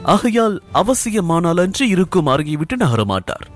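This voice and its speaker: A young daughter who is calm and sure of herself and meets her angry father with firm, even answers, played by a man telling the story. The voice is pitched clearly higher than a man's usual range. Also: moderate pace, soft background music. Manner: firm, composed replies. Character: young woman, calm and self-assured daughter.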